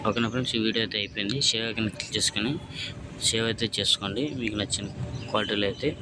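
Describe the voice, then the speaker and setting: Brief: male tutorial host, low, monotone delivery, rushed steps, checks in with "okay friends", loud traffic noise behind. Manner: keeps repeating "okay friends" between steps. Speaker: video editing tutorial host. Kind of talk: casual step-by-step phone app tutorial.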